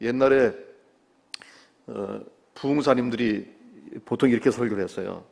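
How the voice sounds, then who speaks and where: A middle-aged male pastor preaching a sermon, asking the listeners questions and answering them himself, dropping low to quote scripture. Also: gravelly, darkish tone. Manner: drops low and slow to quote scripture, rises when stressing a point.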